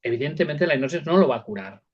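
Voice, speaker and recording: Hombre que explica pausado, con sonido apagado. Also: male voice, on the high side, expressive, breathy edge, dull audio. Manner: explains with examples, repeats words, thinks aloud. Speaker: psychologist and hypnotherapist guest. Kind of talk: casual interview talk.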